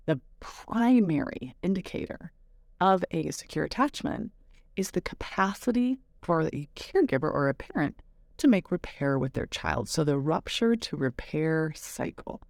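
A woman's voice: deep voice, animated, moderate pace, darkish tone, no room sound, clean studio sound. A woman hosting a parenting podcast, telling a personal story in a candid, reflective, casual way.

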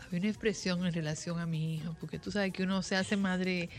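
A woman's voice: lowish voice, fairly even intonation, quick pace. A middle-aged woman from the Dominican Republic, a mother, chatting casually as co-host and telling stories about her upbringing in a reflective way. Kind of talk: casual chat.

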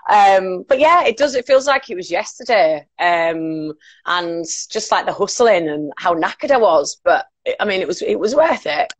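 A woman's voice: medium pitch, expressive, moderate pace, no echo, muffled recording. A woman in her late twenties with a Northern English accent, a radio presenter chatting informally as a guest and telling anecdotes. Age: late 20s. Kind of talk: casual chat, telling anecdotes.

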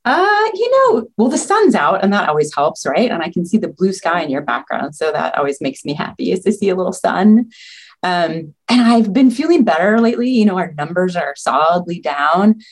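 A nursing leader appears as a guest on a video call for a casual interview chat. Her voice is lowish and very animated, at a normal speed, and she talks earnestly in long, run-on thoughts.

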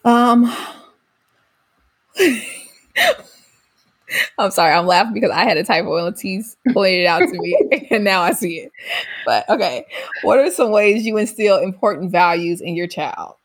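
A woman's voice: medium pitch, animated, moderate pace, slightly rough. Woman, co-host, casual parenting chat, laughs often, lots of fillers.

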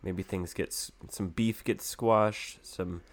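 A man getting over a cold, chatting casually as a podcast co-host in a laid-back, playfully deadpan way. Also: deep voice, slow pace. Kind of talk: casual chat.

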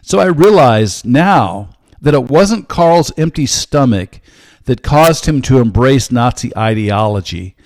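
Older man hosting a show, earnest teaching tone, steady measured delivery with pauses, dry close mic. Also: medium pitch, dry recording. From United States. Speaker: host, Bible teacher. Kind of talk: teaching monologue with personal story.

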